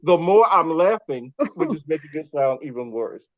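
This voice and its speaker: A man's voice: a little high, lively intonation, normal speed, no room sound. A man guesting on a podcast, telling stories in a chatty way, laughing often and acting out quotes. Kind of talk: casual storytelling chat. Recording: slightly muffled dry recording.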